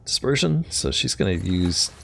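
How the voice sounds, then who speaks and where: A man's voice: low voice, big pitch swings, moderate pace, vocal fry, heavy background noise. A man giving casual gameplay commentary, thinking aloud tentatively as he plays. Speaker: gamer narrating own play.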